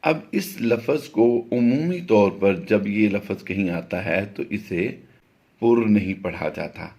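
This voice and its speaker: Brief: lowish male teacher voice, middle-aged, patient tajweed lesson, spells letters one by one, breaks into slow chanted recitation. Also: gravelly, darkish tone, highs cut off.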